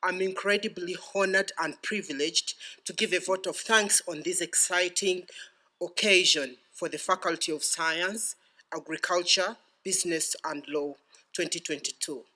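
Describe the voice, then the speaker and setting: A middle-aged man with a Ugandan accent giving a formal, ceremonial podium speech with deliberate phrasing. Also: high voice, fairly even intonation, bright, forceful tone. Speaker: graduating PhD student giving vote of thanks.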